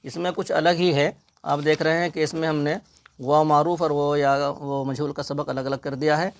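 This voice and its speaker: A man's voice: a little high, level tone, normal speed. A middle-aged man teaching a reading primer, sounding out words letter by letter. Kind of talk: spelling-out reading lesson.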